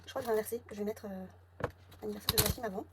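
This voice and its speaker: A woman of medium pitch races along in fairly even intonation, muttering sums while counting her envelopes at home. She has a southern French accent, comes from the south of France, and makes budget vlogs. Clear background noise and clicks accompany her.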